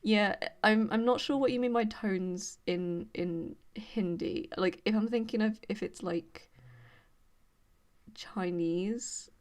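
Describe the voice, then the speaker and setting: A young woman from Birmingham with an English accent, chatting casually with her live stream viewers in a hesitant, rambling way, full of fillers and quick laughs. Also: medium pitch. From Birmingham, England. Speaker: study stream host.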